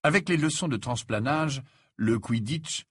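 A man narrating an audiobook in an expressive storytelling way. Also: mid-range voice, a little slow, husky, no echo, studio quality.

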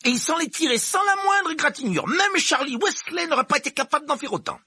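Man doing McGonagall, stern high old professor. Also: very animated, fairly quick, pushed and bright, dry recording, studio quality, exaggerated voice. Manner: curt, commanding. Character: stern elderly female professor.

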